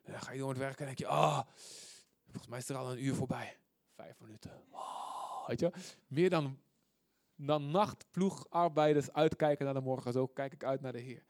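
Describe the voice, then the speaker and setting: A man preaching a sermon, reading scripture out loud with force and dropping to quiet asides, often putting questions to his listeners. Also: mid-range voice, brisk, dry recording, studio quality. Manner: asks the audience questions often.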